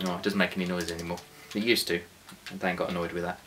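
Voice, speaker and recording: Ein junger britischer Mann, Mitschöpfer einer selbstgedrehten Serie, plaudert scherzhaft und selbstironisch im Interview. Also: male voice, low-pitched, little pitch movement, rapid-fire, noisy background. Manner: joking, self-mocking. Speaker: co-creator and actor of a home-made series. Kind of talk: casual interview chat. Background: guitar music.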